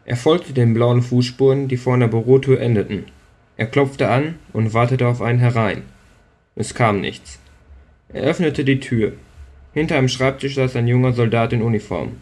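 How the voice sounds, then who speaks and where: A man's voice: mid-range voice, moderate pace, darkish tone. A man reading a story aloud in a dry, matter-of-fact way. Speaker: narrator. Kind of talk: scripted narration.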